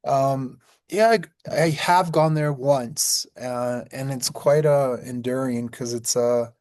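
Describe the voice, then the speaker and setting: A man from Peru, a native Spanish speaker, answering interview questions in a relaxed way, often repeating words as he restarts. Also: medium pitch, takes it slowly, no room sound, studio quality. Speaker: guest. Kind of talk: casual interview.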